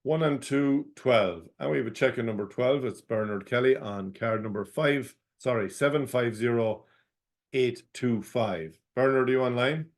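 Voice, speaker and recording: A man's voice: medium pitch, moderate pace. A man with an Irish accent working as a bingo caller, calling out numbers in a formulaic way, digit by digit, and hosting the game.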